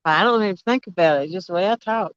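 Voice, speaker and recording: A woman's voice: medium pitch, fast talker, clean tone, no room sound. A woman chatting casually, who has trouble with her R's and says them like W's. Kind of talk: casual chat on a fishing livestream. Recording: dull lo-fi audio.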